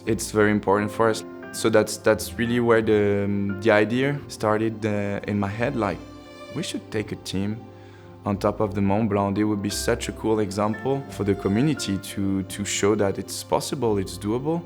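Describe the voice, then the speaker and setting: A man's voice: lowish voice, steady tone, moderate pace, darkish tone. A man speaking earnestly and a little hesitantly in a documentary interview, with fillers. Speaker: project initiator. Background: background music.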